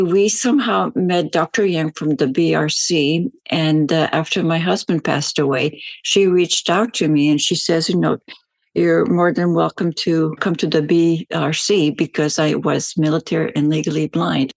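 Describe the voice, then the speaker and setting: An older Belgian woman, a veteran ambassador, answers interview questions in a rambling, story-driven way with lots of fillers. Her voice sits low, and the recording has no room sound.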